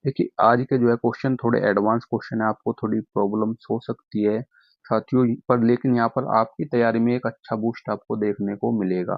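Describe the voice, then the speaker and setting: A young man teaching a Hindi exam-prep lesson, calling students his friends, repeating "okay" again and again, and saying tricky words out slowly syllable by syllable. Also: medium pitch, steady tone, dry recording, highs cut off. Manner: addresses students as friends, repeats "ठीक है" constantly.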